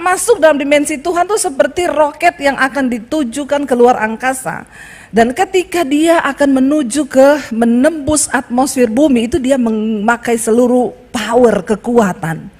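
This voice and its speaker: A woman's voice: high voice, a little mellow, long reverb tail. A woman pastor from Indonesia giving an emphatic sermon, with chatty asides to the congregation. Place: church hall.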